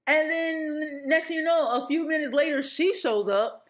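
A woman with a fairly high voice co-hosts a relaxed film podcast. She chats casually and retells movie scenes at length, with plenty of fillers. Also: normal speed. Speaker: podcast co-host.

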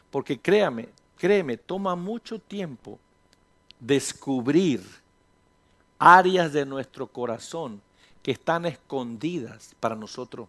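A male pastor preaching a sermon in a lively storytelling manner, slipping English phrases into his talk and acting out little dialogues. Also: on the high side. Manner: mixes English phrases into Spanish, acts out dialogues; slows down to stress words, then speeds up.

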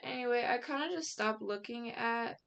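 A woman's voice: on the high side, moderate pace, creaky, a bit bright. A young woman giving casual reaction commentary, rambling with many fillers, restarts and slang. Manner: outspoken, frequent casual slang. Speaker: commentary vlogger.

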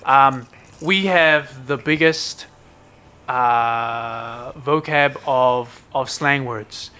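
A man's voice: mid-range voice, very slow, pushed and bright, smooth. A man in his thirties with a broad New Zealand accent, chatting casually as a podcast co-host. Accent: broad New Zealand (Kiwi). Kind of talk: casual chat explaining slang.

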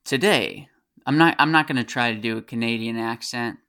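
A man's voice: mid-range voice, a little fast, bright, forceful tone, smooth. An American man hosting a podcast, giving passionate, profane solo commentary in a ranting way. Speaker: podcast host.

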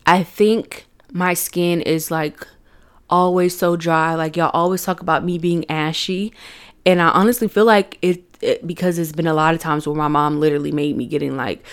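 A young woman talks straight to her viewers, open and unguarded. Her voice sits a little low, and she keeps it casual, calling her viewers y'all and laughing between lines. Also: fairly even intonation, moderate pace, smooth. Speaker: vlogger. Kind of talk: personal storytelling to camera.

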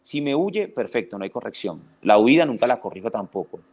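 A man from Colombia, a dog trainer, explaining his methods at length in a podcast interview, animated and full of restarts as he acts out owners and dogs. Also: mid-range voice, fairly quick, husky.

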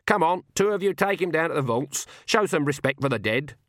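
A man voicing a stern, sharp-tongued elderly witch who talks in blunt rural speech. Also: on the high side, expressive, brisk, dry recording, studio quality, pitched above the performer's own voice, close to an everyday voice.

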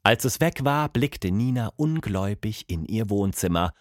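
A man narrating a children's audiobook with expressive, dramatic storytelling. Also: fairly low pitch, moderate pace, no echo, studio quality.

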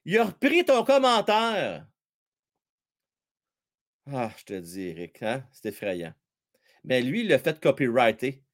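A man with a Quebec French accent hosting a live hockey stream, commenting on the game and chatting with viewers in a slangy, excitable way. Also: measured pace, pauses often. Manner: excitable, chatty, slangy, swings between shouting and low asides. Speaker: hockey livestream host.

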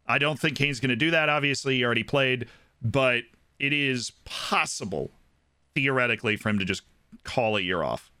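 A man from the United States co-hosting a casual football chat, talking in an animated, joking way. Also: mid-range voice, moderate pace, clean tone, dry recording, clean studio sound. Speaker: football podcast co-host.

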